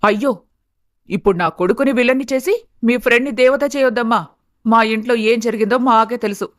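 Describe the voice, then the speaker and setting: A woman's voice: a little high, brisk, no room sound, studio quality, close to an everyday voice. Vanajakshi, a woman voicing a scornful, taunting mother-in-law. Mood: sarcastic. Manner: sharp, taunting and sarcastic. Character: harsh scornful middle-aged mother-in-law. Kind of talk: storybook character voice.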